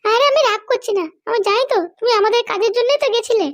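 A woman's voice: very high voice, rapid-fire, no room sound, clean studio sound, voice pushed up. A woman voicing an anxious, pleading middle-aged mother in a cartoon, fretful and insistent. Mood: fussing. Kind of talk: cartoon voice acting.

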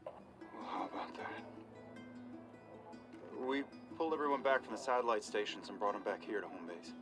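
An actor playing a calm radio operator for a survivor group in a video game, measured and matter-of-fact, through a radio filter. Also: male voice, fairly low pitch, music in the background. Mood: calm, welcoming. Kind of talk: video game drama acting.

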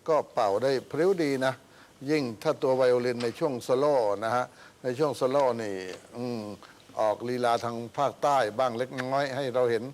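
Measured man judging a music contest. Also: medium pitch, slight background noise. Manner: measured, polite. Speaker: talent show judge. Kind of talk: judge's critique on TV. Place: TV studio with audience.

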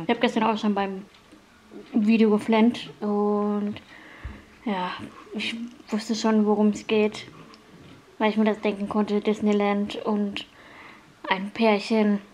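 A woman's voice: mid-range voice, a little mellow. A woman in her thirties chatting casually to the camera as a vlogger in her home kitchen. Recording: noisy home camera recording.

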